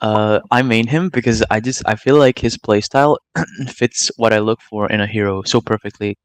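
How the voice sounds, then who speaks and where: Being interviewed as a gamer and streamer, a nineteen-year-old Serbian man chats casually, explaining things at length in a slangy, opinionated way. His voice is on the low side, clear and resonant.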